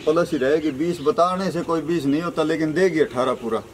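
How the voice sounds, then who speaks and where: A man's voice: fairly high pitch, brisk, a little hiss or hum. A man, a dairy farm owner outdoors, giving short plain answers and often ending with "sir". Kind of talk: answering questions in a casual interview. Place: outdoor buffalo farmyard.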